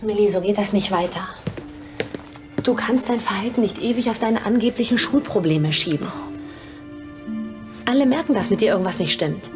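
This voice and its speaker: An actress playing a caring, insistent confidante in a TV drama, speaking earnestly and practically. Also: female voice, mid-range voice, moderate pace, pauses often, close to an everyday voice. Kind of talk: TV drama acting. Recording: clear music bed under dialogue.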